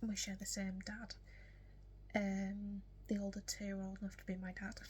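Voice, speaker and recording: A young woman vlogger from West Yorkshire, England, with a strong Yorkshire accent, makes a casual get-to-know-me vlog, speaking softly and often in a whisper with many ums and the occasional hiccup. Her pitch stays flat and even at a normal speed. A faint noise runs beneath her voice.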